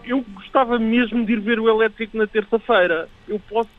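A European Portuguese man plays along as a contestant on a comic radio quiz. He speaks politely and a little hesitantly in a slightly high voice. Faint music sits behind him. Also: steady tone, brisk, narrow, tinny audio.

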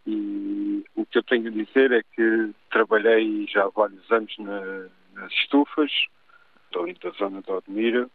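A man with a European Portuguese accent calling a radio show, giving his views in a halting, stammering but insistent way. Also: lowish voice, fairly even intonation, slightly rough, no room sound. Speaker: caller. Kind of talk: radio call-in opinion. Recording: tinny phone line.

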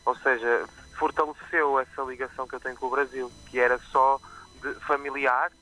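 A medium-pitched musician, speaking from his own location, is interviewed live on radio in a relaxed, chatty way with frequent fillers and restarts. His accent is Porto Portuguese mixed with some Brazilian expressions, and the audio quality is poor.

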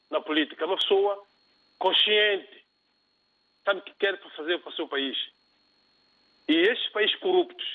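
A man from São Tomé and Príncipe phones in to a radio show to share his opinion, speaking with passion and indignation. His voice sits high, and the telephone line sounds tinny and dry with no echo.

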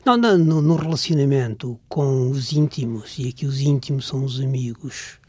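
An older man with a European Portuguese accent, a writer and journalist reminiscing as a guest in a radio interview, halting and breaking off words, sometimes dropping to a near whisper. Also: mid-range voice, mellow, husky, no room sound.

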